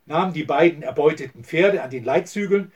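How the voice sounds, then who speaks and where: Husky male audiobook narrator, distant mic. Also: on the high side, a little fast. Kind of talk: scripted narration.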